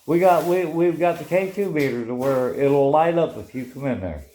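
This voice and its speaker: A man with a fairly high voice works as a paranormal investigator, calling out to spirits in an informal, coaxing way. The recording has clear noise throughout. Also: normal speed, mellow, reverberant. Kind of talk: casual ghost hunt, calling out to spirits. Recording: noisy handheld recording with rustling.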